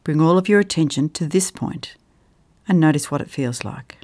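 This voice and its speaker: A meditation guide with a mid-range voice leads a guided session, speaking calmly and softly with long pauses and occasionally sinking into a gentle whisper.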